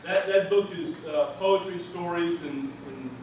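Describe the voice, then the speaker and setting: An older man speaks informally to an audience as an author introducing his work. His voice sits slightly high, and it comes from a distance in a heavily echoing room with noticeable noise. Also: a little slow, a loud crowd. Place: echoey room before a live audience. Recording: echoey room, far from mic, noisy.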